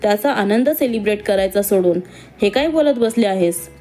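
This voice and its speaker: A woman's voice: mid-range voice, expressive, normal speed, warm tone, soft background music, close to an everyday voice. A woman voicing a cheerful, firm wealthy businessman father in a read-aloud story. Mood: jovial. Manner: jovial, firm. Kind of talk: storybook reading.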